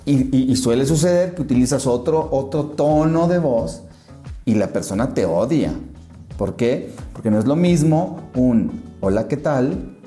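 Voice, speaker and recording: A man hosting a casual podcast discussion, energetic and often restarting as he steers the talk. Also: medium pitch, measured pace, echoey room, faint music behind. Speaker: podcast host and moderator.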